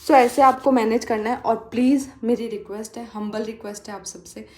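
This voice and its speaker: Young woman vlogger, kinda high voice, chatty study tips, throws english phrases in. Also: steady tone, a little fast, darkish tone. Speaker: exam-prep vlogger. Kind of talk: casual study advice to viewers.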